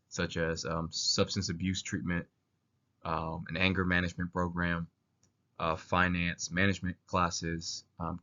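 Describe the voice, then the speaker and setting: A young man giving a narrated student presentation, halting and hesitant, while sick with the flu. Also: low voice, fairly bright tone. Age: young adult. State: sick with flu, coughing now and then. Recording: dull lo-fi voice recording.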